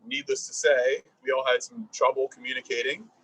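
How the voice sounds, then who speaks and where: Husky man giving a halting eulogy, distant. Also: medium pitch, level tone, fairly bright tone. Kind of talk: eulogy speech. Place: graveside service. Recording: husky voice picked up from afar.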